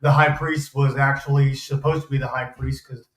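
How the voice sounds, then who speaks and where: Guy cohost explaining stuff, careful and halting, medium pitch, roomy echo. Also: level tone, fairly bright tone. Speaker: show co-host. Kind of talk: casual explanatory talk. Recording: echoey room.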